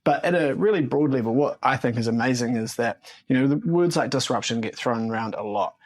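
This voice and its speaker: A man speaks as a journalist guest at a relaxed roundtable. He thinks aloud in a reflective way and leans on plenty of fillers while he works out his points. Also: medium pitch, brisk. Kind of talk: casual roundtable discussion.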